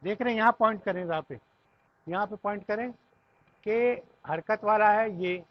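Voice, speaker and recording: This man, from Pakistan and carrying an Urdu accent, has a high voice and a moderate pace with no room sound. He teaches Arabic grammar by patiently reciting verb conjugations in lists and checking that his students follow along. The recording is a dull, lo-fi classroom capture.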